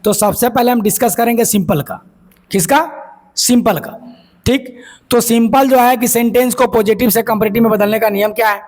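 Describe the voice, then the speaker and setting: A man's voice: very high voice, moderate pace. A man teaching English grammar as a lecture, explaining step by step and asking and answering his own questions. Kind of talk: classroom lecture.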